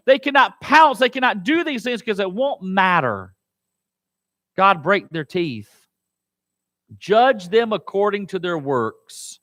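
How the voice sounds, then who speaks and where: A man preaching a sermon as pastor, animated and dramatic, quoting scripture and asking the congregation questions. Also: high voice. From United States. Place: church.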